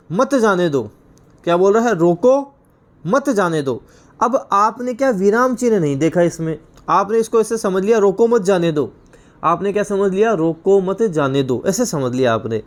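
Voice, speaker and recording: A man with a Rajasthani Hindi accent teaching an exam-prep grammar lesson, explaining patiently, repeating points and asking questions he then answers himself. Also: on the high side.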